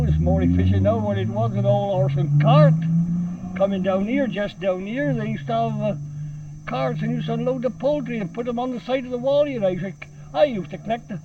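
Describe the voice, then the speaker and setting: A man's voice: high-pitched, gravelly. An older Welsh man giving casual interview answers, often repeating his short phrases. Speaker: town crier being interviewed. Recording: muffled, noisy, distant field recording.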